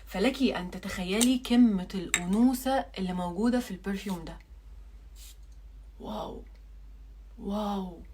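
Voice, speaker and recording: A young woman with an Egyptian Arabic accent, a beauty blogger selling perfumes in a casual vlog, talking in an animated, jokey way and repeating words for emphasis. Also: medium pitch, quick pace, few pauses, husky.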